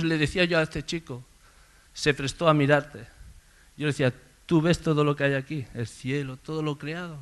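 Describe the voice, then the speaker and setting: A man preaching a sermon in a conversational storytelling way, calling out names loudly. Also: a little high. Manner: conversational storytelling, swells loud on names called out. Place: church service.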